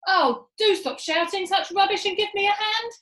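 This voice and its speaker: A woman voicing a bossy, impatient monkey father in a storybook, shouting frantic orders. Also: extremely high pitch, moderate pace, echoey room, pitched above the performer's own voice. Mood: snappy.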